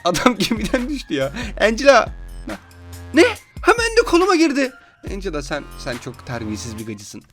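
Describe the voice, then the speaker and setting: A young man giving excitable, joking commentary while playing a game, often laughing and exasperated. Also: high voice, moderate pace. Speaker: gaming YouTuber. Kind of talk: gameplay commentary. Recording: faint game music behind.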